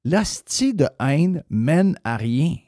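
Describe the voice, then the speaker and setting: A Québécois-accented radio host delivers an opinionated rant, blunt and full of swearing. His voice is on the high side with a sing-song lilt, a slow pace and a dark tone, recorded at studio quality with no echo.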